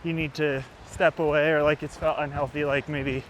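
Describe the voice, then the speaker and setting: Guy asking casual questions outside, voice a bit high, kinda halting, some light background noise. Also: little pitch movement, low-quality recording. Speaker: interviewer.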